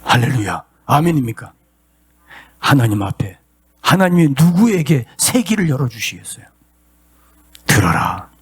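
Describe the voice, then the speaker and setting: Impassioned pastor, husky, high and lively. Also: male voice, normal speed, pauses often. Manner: impassioned preaching, rising to shouts and sung cries. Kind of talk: sermon.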